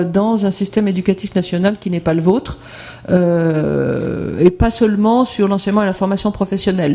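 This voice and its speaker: Creaky, dark-voiced hesitant presenter. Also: medium pitch. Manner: hesitant, many filler sounds. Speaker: conference presenter. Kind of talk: seminar presentation with slides.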